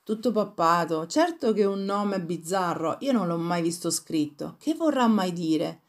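A woman's voice: fairly low pitch, lively intonation, measured pace. A woman voicing a small, trusting male mouse in a fairy tale reading, with a raised, wondering voice. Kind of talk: storybook reading.

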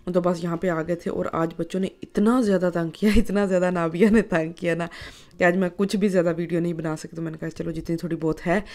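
A woman's voice: fairly low pitch, fairly even intonation, fast, a little mellow. A woman, narrating her home vlog in a chatty way, full of filler phrases. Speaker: vlogger.

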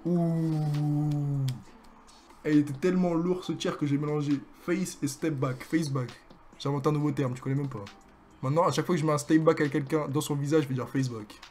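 Excitable young French gaming streamer. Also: male voice, fairly high pitch, brisk. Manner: excitable, joking, hyping his own plays. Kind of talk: live gameplay commentary.

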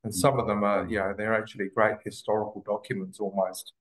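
A low-voiced man, a guest on a video call, talking plainly and matter-of-factly. His delivery is brief and unfussy. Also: level tone, fast talker, low-quality recording. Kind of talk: casual video-call conversation.

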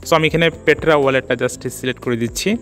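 A man narrating a casual screen-recorded tutorial, talking quickly and filling his speech with "so", "just" and "okay?" checks. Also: medium pitch, fairly even intonation, a bit bright. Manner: rapid, peppers speech with "so", "just" and "ঠিক আছে?". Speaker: crypto tutorial channel host.

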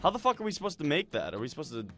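A bright, lively male voice with big swings in pitch. He commentates a racing game loudly, laughing and cursing. Faint music runs underneath. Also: very fast. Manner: loud, swearing, laughing, excitable. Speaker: gaming channel host. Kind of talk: casual gameplay commentary.

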